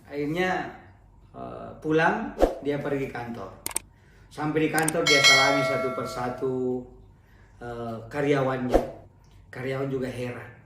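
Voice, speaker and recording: A man preaching a Ramadan sermon as a story, acting out the characters in animated voices. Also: mid-range voice, unhurried, long pauses, heavy background noise. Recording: echoey, from far off.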